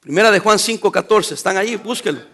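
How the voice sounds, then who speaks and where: A man's voice: sits high, fast talker, sharp tone, breathy edge. A male pastor preaching a sermon, emphatic, posing call-and-response questions to the congregation and making teasing, scolding asides.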